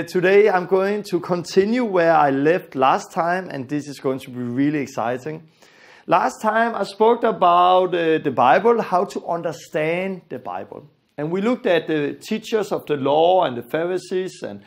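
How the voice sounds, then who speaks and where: Gravelly Danish man teaching the Bible. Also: fairly high pitch. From Denmark. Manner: earnest, emphatic, repeats key phrases. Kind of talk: recorded Bible lesson.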